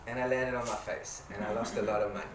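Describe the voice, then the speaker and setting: Speaking fast in a low-ish, level voice, this South African community owner addresses a live audience at an event space with a casual, personal talk, frequently restarting and repeating himself. A distant mic picks him up amid room echo and background noise.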